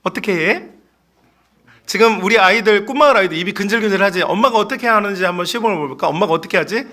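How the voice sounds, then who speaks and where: A man's voice: high voice, fast, bright, forceful tone. A middle-aged male pastor giving a playful sermon, acting out parents' voices and chatting with the children in the congregation.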